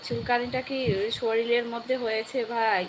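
A woman with a sore, hoarse throat, chatting live with viewers and asking warmly after them. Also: on the high side, flat delivery, moderate pace, background noise. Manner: caring, asks viewers how they are. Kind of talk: casual live chat reading viewer comments.

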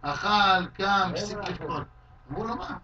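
A man, a rabbi, giving a Talmud lesson in a study hall, telling stories in an animated way and acting out quoted shouts and cries. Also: high voice, crowd noise. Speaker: rabbi teaching a class. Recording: distant, dull lo-fi hall recording.

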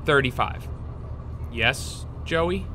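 A man's voice: medium pitch, animated, drawn-out words, bright, forceful tone, slight background noise, heavily acted. An actor playing a strict, impatient male teacher who herds students onto a school bus, stern and dryly exasperated in an amateur audio drama. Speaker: teacher chaperone.

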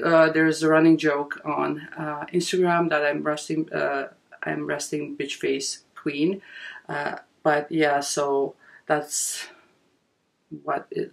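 A woman in her forties with a Bosnian accent, chatting casually to camera in her bedroom, rambling with many fillers. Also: deep voice. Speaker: vlogger. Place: bedroom, indoors. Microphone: camera at desk distance.

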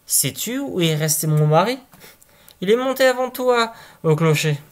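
Man voicing a shrill indignant village wife, high-pitched, upset, storybook reading. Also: expressive, moderate pace. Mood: anxious. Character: distraught angry sexton's wife.

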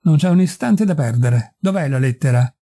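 A calm, middle-aged detective speaks in short, firm and urgent sentences, as a male reader voices him. The voice is a touch low, very dark and mellow, and husky. It is an audiobook reading. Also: normal speed.

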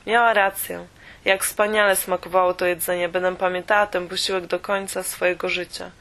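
A woman reading a first-person audiobook in a steady, measured way. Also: on the low side. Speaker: audiobook reader.

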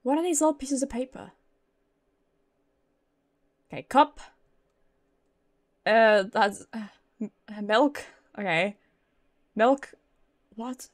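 This British woman, a game streamer, gives casual live commentary as she plays, reading dialogue aloud and talking to herself in a playful, giggly, mildly sweary way. Her voice is a little high and animated, slow, with long pauses, and game music plays in the background.

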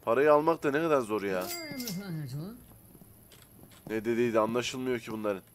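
A man casually commenting as he plays a simulator game, chatting to viewers and to the characters, and bursting out loudly when annoyed. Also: mid-range voice, moderate pace. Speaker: gaming streamer. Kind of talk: casual let's-play commentary.

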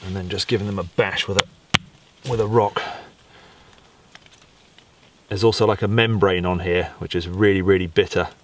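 Tired english bloke chatting to camera in the woods at night, lowish voice, a bit of rumble behind. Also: male voice, moderate pace. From England. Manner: relaxed, self-deprecating, talks while working with his hands. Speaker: bushcraft vlogger. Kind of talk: casual narration to camera. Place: woodland at night, outdoors. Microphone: camera mic, close framing.

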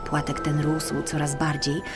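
A low-pitched woman narrates a children's fairy tale for an audiobook, her reading expressive and deliberate against background music.

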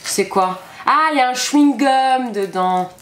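A woman hosting a casual food-tasting vlog with her child, playful and animated, laughing often. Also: high-pitched, a little slow. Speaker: vlog host, mother. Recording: echoey room with background noise.

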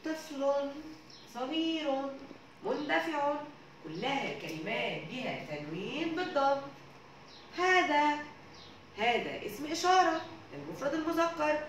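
High, lively woman teaching young children. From Egypt. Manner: warm didactic tone, addresses the children as dear ones. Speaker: primary school teacher. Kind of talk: reading a story and explaining vocabulary and grammar to young children. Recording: echoey room, distant mic, background noise.

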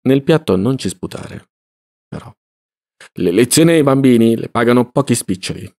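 A man's voice: mid-range voice, expressive, moderate pace, gravelly, darkish tone. A man voicing a chatty, giggly young peasant housemaid who teases bluntly in a homely way. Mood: teasing.

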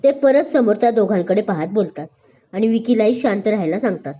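A woman's voice: mid-range voice, fairly quick, dark tone, lo-fi sound. A woman narrating a scripted story aloud, voicing each character herself with small changes in her voice. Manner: reads all characters with small voice shifts.

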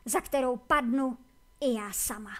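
A woman voicing a proud, vengeful female warden who is imprisoned and bitter, with sharp, scornful retorts. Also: fairly high pitch, close to an everyday voice.

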